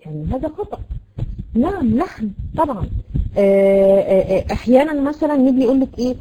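A woman's voice: sits high, very animated, fast, dark tone. A woman with an Egyptian Arabic accent teaching a Quran recitation lesson, explaining with many fillers and repeated questions to her students. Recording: dull lo-fi recording with noise.

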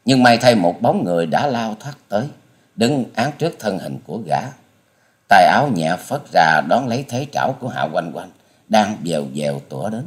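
Man, audiobook narrator, deep voice, lively intonation, expressive. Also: normal speed. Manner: expressive storytelling. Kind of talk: dramatic martial-arts audiobook narration.

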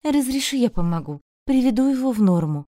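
A woman voicing a gentle soothing noble healer. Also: a little high, expressive, brisk, dry recording, studio quality, pitched above the performer's own voice, natural voice. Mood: conciliatory. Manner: soft, conciliatory.

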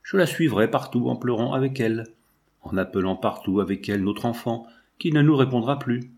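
A man reads an audiobook passage in his own voice, playing a tender old father who blesses his departing child with solemn grief. The reading stays measured and earnest, its words leaning on benediction and pleading. His voice sits mid-range, a little mellow, close to how he'd normally talk.

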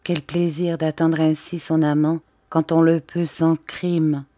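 A woman voicing a refined, gentle countess in an audiobook, speaking softly and reflectively. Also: low voice, level tone, dry recording, studio quality. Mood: wistful. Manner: soft, measured, reflective.

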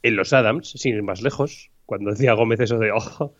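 A man co-hosting a podcast, chatting casually in a relaxed, joking way. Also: on the low side, fairly quick. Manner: relaxed, joking, with many fillers. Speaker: podcast co-host. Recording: slightly dull lo-fi sound.

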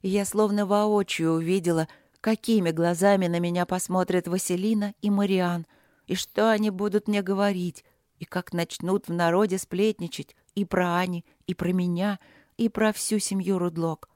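A woman's voice: on the low side, fairly even intonation, normal speed, darkish tone, no room sound, clean studio sound. A woman narrating a novel in the first person, reading with feeling. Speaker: audiobook reader.

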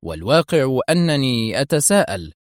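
A man voicing a menacing elderly male spymaster who shouts threats through clenched teeth. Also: mid-range voice, sing-song, moderate pace, no room sound, clean studio sound, natural voice. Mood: stern.

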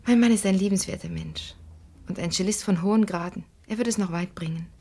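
In a German radio crime drama, an actress plays the anxious, earnest married daughter of a criminal, speaking in a confiding, breathy way. Her voice is medium-pitched, warm, and fairly quick, with a light touch of acting.

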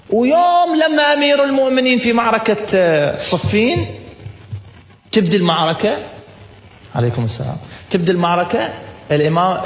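A man preaching with an Iraqi accent, telling stories and repeating his points with passion. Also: high voice. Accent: Iraqi Arabic. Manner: impassioned, emphatic repetition. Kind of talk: storytelling sermon. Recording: echoey hall, slightly dull sound.

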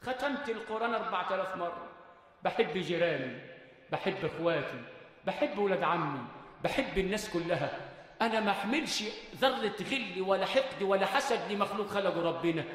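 Egyptian male preacher, high-pitched, emphatic and rhetorical, long reverberant hall sound. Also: expressive. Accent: Egyptian Arabic. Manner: repeats rhetorical questions, swings from quiet to shouting, chants verses slowly. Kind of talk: Egyptian Arabic sermon with chanted verse. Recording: very echoey hall.

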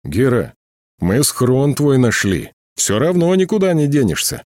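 A man's voice: sits low, animated, slow pace, darkish tone, no room sound, clean studio sound. A man reading an audiobook, voicing a firm male police officer urging a suspect through a door.

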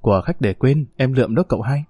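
A man's voice: mid-range voice, fast, dark tone, slightly rough, dry recording, studio quality, faint music behind, natural voice. A man voicing a sly male opium-den attendant who chatters eagerly and servilely. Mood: fawning.

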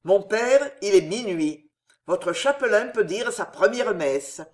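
A reader voicing a calm, resolute young nobleman in an audiobook, speaking firmly and solemnly. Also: sits high. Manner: firm, solemn, measured. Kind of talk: audiobook character reading.

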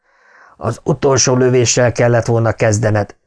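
Man voicing a grim middle-aged hunter, gruff, contemptuous, impatient, audiobook. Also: mid-range voice, steady tone, a little mellow, close to an everyday voice.

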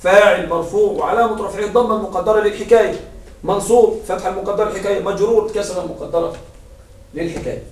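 A man's voice: high voice, very fast, slight background noise. A man teaching a grammar lesson in a classroom, explaining step by step and often checking that his students follow. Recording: echoey room, mic far off.

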